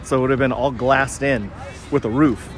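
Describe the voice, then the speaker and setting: Watching a soccer game from beside the field, a man makes casual conversation in a medium-pitched voice with a steady tone and moderate pace. The outdoor recording picks up crowd noise and urban traffic sounds.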